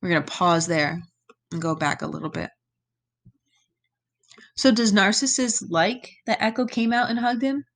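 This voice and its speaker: In a recorded lesson, a woman reads a myth aloud and walks through it step by step, frequently checking in with her students and voicing the quoted lines with animation. Her voice sits in the mid-range, her speed is normal, and she pauses often.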